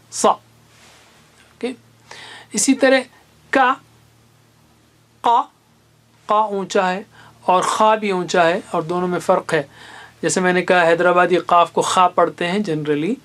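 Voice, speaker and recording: A man teaching Quran recitation in a classroom lesson. He patiently explains and slowly sounds out single letters and syllables as examples. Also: high-pitched, a bit bright.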